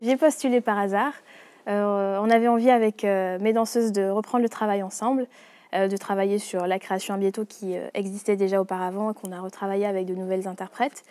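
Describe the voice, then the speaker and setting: Young woman in her twenties from French Guiana, a dancer-choreographer, speaking in a mid-pitched voice in an interview with many fillers. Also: fairly even intonation, a little fast, warm tone, faint music behind. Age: 20s. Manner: hesitant, many fillers and restarts. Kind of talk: interview monologue.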